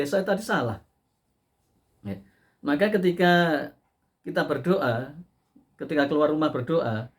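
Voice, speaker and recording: Casting male preacher, slightly high voice, conversational sermon, animated, laughs often. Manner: chatty, animated, frequent "ya" tags, laughs at his own stories. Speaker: Islamic preacher. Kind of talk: casual sermon to a live audience.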